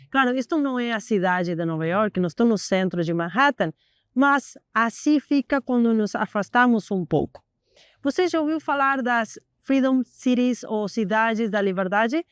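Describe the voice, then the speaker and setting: Female host, smooth and slightly high voice, scripted intro. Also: expressive, normal speed, no room sound. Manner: questioning, inviting. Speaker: news host.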